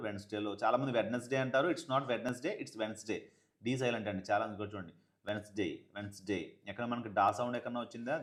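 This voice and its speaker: A man with a Telugu accent teaching an English textbook lesson, explaining in Telugu and reading the English text slowly and emphatically. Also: lowish voice. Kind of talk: exam-prep textbook lesson.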